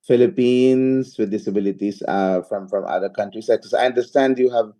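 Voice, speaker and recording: A man hosting an interview, asking long halting questions full of uhs and repeated words. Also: medium pitch, warm tone. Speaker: interview host.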